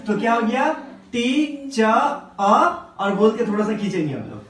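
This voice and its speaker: Classroom teacher, slow and drawn out, mid-pitched voice, echoey room, mic some distance off. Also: big pitch swings, slight background noise. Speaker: English teacher.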